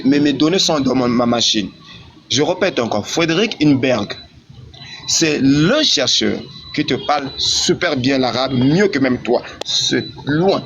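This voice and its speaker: This is a heated religious debate held online, where a man keeps pressing his points in an insistent, repetitive, argumentative way. He isn't a native Arabic speaker, and his voice runs on the high side and a bit bright. Background noise comes through a muffled, lo-fi call.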